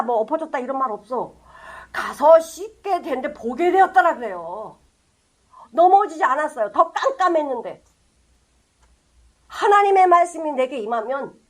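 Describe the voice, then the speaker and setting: A woman pastor giving a sermon, speaking emphatically and asking rhetorical questions, her voice swinging between loud passages and hushed ones. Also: high voice.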